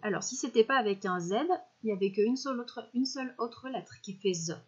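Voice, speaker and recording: A woman primary school teacher giving a recorded spelling dictation, stretching out each word slowly and clearly with patient classroom talk. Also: fairly high pitch, highs cut off. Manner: slow, clear over-articulation of words, patient teacher talk.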